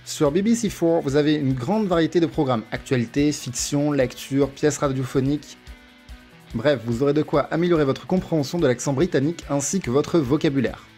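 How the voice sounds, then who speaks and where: Man from France, test-prep teacher, slightly high voice, methodical scripted delivery, faint music bed. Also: fairly quick, a little mellow. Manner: clear, methodical list-reading delivery. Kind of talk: scripted explainer narration.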